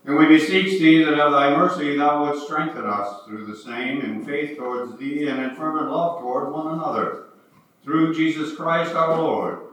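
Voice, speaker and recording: A man leading a church service, intoning prayers and a blessing in a solemn, measured way, with a cathedral echo. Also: a little high. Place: large church. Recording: echoey church from far off, organ music.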